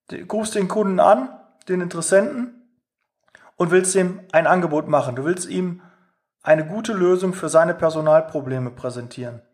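Brief: man, sales coach, high voice, direct and emphatic, acts out dialogue. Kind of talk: motivational talk on sales.

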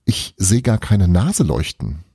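A man's voice: sits low, slow, gravelly, slightly rough, dry recording, clean studio sound, heavily acted. A man voicing a curious, eager boy. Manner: curious, excited.

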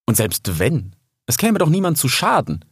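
A man narrating a children's animal story as an audiobook, in an expressive storytelling manner. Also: medium pitch, moderate pace, husky, dry recording, studio quality.

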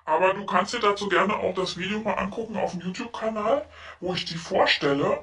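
A woman leaving a chatty, gushing voice message as a seller of spiritual crafts, her voice disguised and lowered by a voice changer. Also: a little fast, fairly bright tone, distant mic. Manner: chatty, gushing, frequent "ne?" tags. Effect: voice changer lowering her voice to sound deeper and disguised.

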